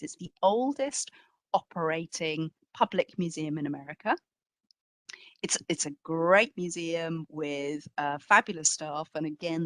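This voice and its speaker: Here a woman's deep voice comes through a dry recording. Taking the role of an exhibition curator at a history talk, she gives informal, reflective answers full of conversational emphasis and frequent qualifications.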